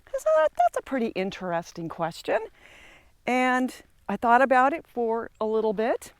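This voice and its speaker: A woman's voice: fairly high pitch, dry recording. A woman in her sixties talking casually while walking outdoors through a campground, in a chatty, reflective way. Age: 60s. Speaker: travel vlogger. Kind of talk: casual vlog monologue.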